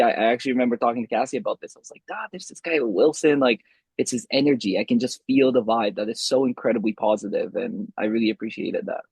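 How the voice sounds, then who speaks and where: Young male guest, husky, dry close sound, loose rambling delivery with restarts. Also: medium pitch, a little mellow, no echo. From Romania. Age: 20s. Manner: rambling, many restarts and fillers. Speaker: podcast guest. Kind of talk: casual interview chat.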